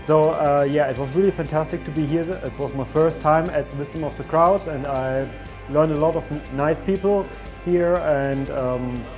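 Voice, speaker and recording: Slightly high-voiced man, faint music. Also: normal speed. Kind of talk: casual testimonial interview.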